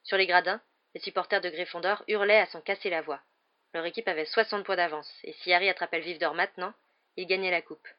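Low-voiced woman reading a novel aloud. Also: fast, lo-fi sound. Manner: lively storytelling reading. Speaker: audiobook narrator. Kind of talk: scripted narration of a novel.

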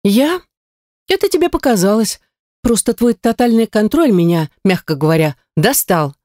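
A woman's voice: mid-range voice, lively intonation, moderate pace, warm tone, no echo, studio quality, natural voice. A woman voicing a sassy young heroine who fires back with cheeky, indignant retorts. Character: sassy young heroine, quick-tongued and defiant.

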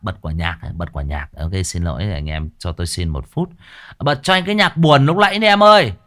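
A man hosting a livestream, giving rambling big-brotherly advice that swings from soft to loud. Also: low-pitched, brisk. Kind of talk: casual livestream monologue.

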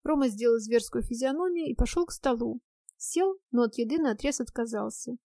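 A woman's voice: a little high, moderate pace, mellow, dry recording, clean studio sound. A woman narrating a first-person audiobook in a wry, ironic manner.

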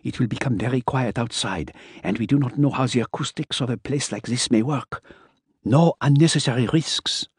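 A man's voice: mid-range voice, moderate pace, husky, dry recording, pitched above the performer's own voice. A fussy, gloomy man who fears germs, as a male reader puts him on, speaking in raised, clipped, formal phrases with an odd, altered tone. He sounds dry and close, with no room around him. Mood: cautious. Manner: formal, precise wording. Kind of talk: audiobook character voice.

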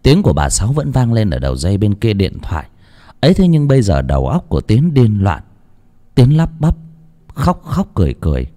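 A man narrating a dramatic audiobook in an expressive storytelling voice. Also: fairly low pitch, a little fast. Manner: expressive storytelling, lingering on phrases.

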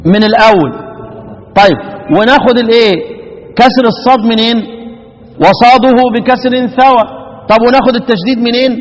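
Egyptian male teacher, high-pitched, quizzes students, chants lines slowly; echoey hall. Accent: Egyptian Arabic. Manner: asks the class questions, chants verses slowly. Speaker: Quran recitation teacher. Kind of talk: lesson explaining recitation variants. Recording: echoey room with long reverb.

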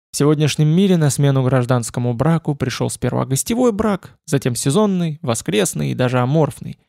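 A man's voice: mid-range voice, gravelly, dark tone, no echo, studio quality. Man narrating a wry first-person audiobook.

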